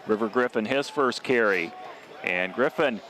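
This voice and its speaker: A man calling a local high school football game play-by-play as the regular announcer. He talks steadily and climbs sharply on scoring plays. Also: measured pace, a bit bright, a faint crowd, slight background noise.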